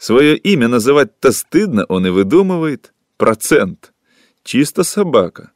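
A man reading aloud and voicing a coarse, drunk woman who mocks and shouts, short of breath. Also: medium pitch, sing-song, a little slow, no room sound, clean studio sound. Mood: scornful. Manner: shouting, mocking, contemptuous.

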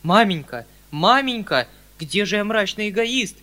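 Flustered, pleading landowner uncle, high and bright, declaiming, read by a male narrator. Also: animated, a little slow, heavily acted.

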